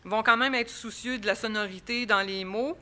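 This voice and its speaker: A woman's voice: fairly high pitch, steady tone, moderate pace, pushed and bright. A woman with a Quebec French accent presenting research at an academic conference, explaining step by step with frequent fillers and restarts.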